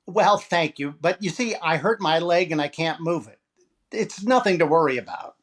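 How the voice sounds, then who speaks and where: In a 1940s radio comedy recreation, a man plays a vain, self-pitying comedian who wisecracks in a plaintive, wry way. His voice is fairly high, animated and fairly bright, at a moderate pace.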